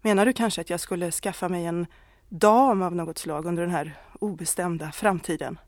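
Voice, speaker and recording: A woman's voice: on the low side, no echo, studio quality, pitched below the performer's own voice, close to an everyday voice. Woman reading a mild, controlled husband. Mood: restrained. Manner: mild, quiet, restrained.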